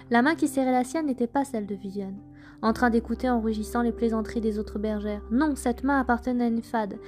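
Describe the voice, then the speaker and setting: A woman narrating traditional folk tales in a measured, gentle storytelling manner. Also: on the high side. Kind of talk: scripted folk tale narration.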